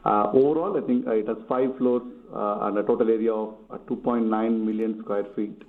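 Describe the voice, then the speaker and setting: Male guest calling in on speakerphone; low, gravelly voice, hesitant delivery, tinny echoey line. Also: fairly even intonation, brisk, slight background noise. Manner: hesitant, many filler sounds. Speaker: guest, general manager. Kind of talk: phone-in interview.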